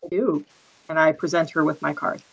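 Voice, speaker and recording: A woman's voice: sits low, steady tone, a little fast, gravelly, breathy edge, lo-fi sound. A woman playing a tabletop game, speaking in character in an earnest, hesitant way with many fillers. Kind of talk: in-character role-play.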